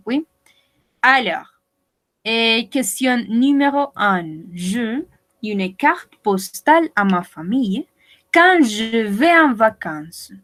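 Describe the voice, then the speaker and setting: A woman's voice: fairly high pitch, a bit bright. A woman teaching a French class over a video call, patient and often checking in with her students. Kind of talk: online language class.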